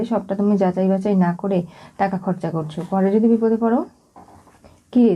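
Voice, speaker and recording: Woman retelling a serial, dull lo-fi sound. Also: medium pitch. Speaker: narrator recapping a TV serial. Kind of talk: storytelling recap, voicing all characters in one plain voice. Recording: dull lo-fi audio.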